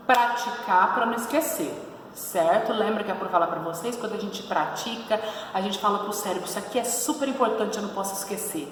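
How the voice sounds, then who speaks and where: A woman's voice: medium pitch, very echoey, long reverb tail, far from the mic, a little hiss or hum. A Brazilian woman teaching a grammar lesson to pupils, patiently stretching out verb endings and checking in often to ask whether they follow. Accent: Brazilian Portuguese. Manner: patient, drawn-out stress on verb endings, frequent "tá bom?" check-ins. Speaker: Portuguese teacher.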